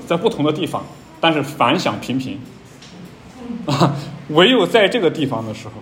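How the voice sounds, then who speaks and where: A man giving a teaching sermon, talking plainly with many fillers and pushing his pitch up on key points. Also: slight background noise. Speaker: preacher.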